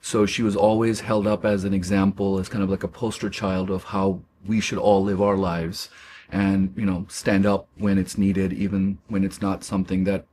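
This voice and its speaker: A man in his forties from Pakistan, a guest speaking haltingly in a casual interview, with many fillers and restarts. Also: sits low, flat delivery, darkish tone, a little hiss or hum.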